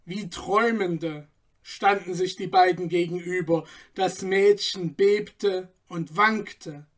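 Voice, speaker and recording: A woman reading an old storybook tale aloud in a measured, unhurried way. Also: fairly low pitch, fairly even intonation. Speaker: narrator.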